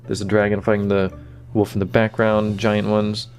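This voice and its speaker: A man giving casual behind-the-scenes commentary on his own animation, relaxed and full of fillers like "you know" and "kinda". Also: on the low side, normal speed, faint music behind.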